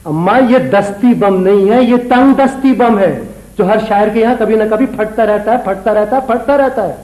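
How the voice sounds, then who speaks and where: An actor playing a self-important young poet son who speaks in flowery words, in a comic stage play. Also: male voice, sits high, normal speed, darkish tone, echoey room, close to an everyday voice, rough recording.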